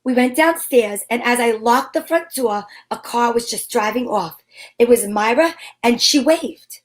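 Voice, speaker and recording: Speaking at a measured pace in an animated, somewhat high voice, this woman performs as a feisty heroine in an amateur old-time radio production. Her first-person narration is wry, sassy, and theatrical.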